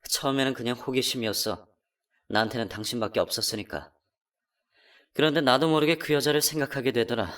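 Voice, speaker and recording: A man's voice: mid-range voice, brisk, fairly bright tone, recorded from a distance, natural voice. A man playing a guilty cheating husband. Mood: guilty pleading. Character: cheating middle-aged husband, evasive then pleading. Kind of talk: radio drama acting.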